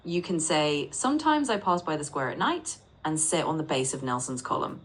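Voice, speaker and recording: A low-pitched female AI voice tutors English in a patient, reassuring way. Her intonation swings widely and expressively. She restates corrections calmly and clearly. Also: moderate pace, poor audio. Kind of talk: conversational language tutoring.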